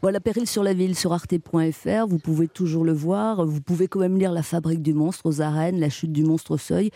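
A radio host interviewing a guest and announcing what comes next, with brisk delivery. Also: medium pitch, fairly even intonation, mellow, dry recording.

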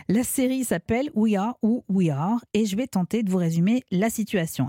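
A woman's voice: medium pitch, no room sound, clean studio sound. A woman hosting a radio show about TV series, asking her guest questions and recommending shows. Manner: lively, guides guest with questions.

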